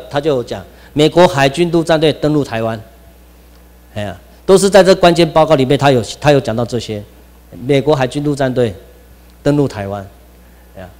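A man with a Taiwanese Mandarin accent lectures a class in a loose, rambling way, restarting phrases and tossing in exclamations. His voice sits a little high for a man. The sound carries a long reverb from the lecture room.

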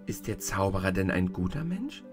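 A man reading a storybook aloud and voicing a polite, wondering young girl, higher and softer than his own voice. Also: big pitch swings, moderate pace, faint music behind.

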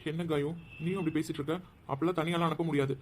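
A man's voice: a little high, steady tone, rapid-fire, heavy background noise, close to an everyday voice. A man voicing a caring young man in a cartoon who firmly questions and insists. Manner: firm, questioning.

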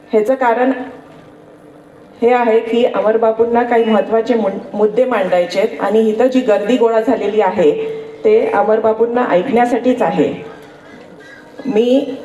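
A woman from Maharashtra, India, speaking as an election candidate in a political campaign speech, delivered in measured, halting phrases with pauses. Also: mid-range voice, mellow. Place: public rally through a sound system. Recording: roomy echo, distant mic, faint noise.

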